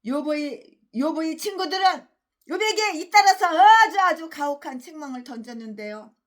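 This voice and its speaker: A woman's voice: high voice, lively intonation, normal speed. A woman pastor preaching an expository sermon in an impassioned, ranting way, repeating phrases for emphasis.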